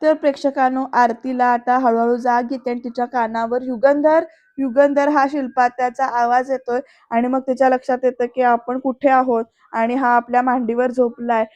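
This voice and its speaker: A woman's voice: a little high, level tone, normal speed, hardly any pauses, darkish tone, dry recording, lo-fi sound. A woman narrating a voice-over recap of a serial episode, chatty and addressing the viewers directly.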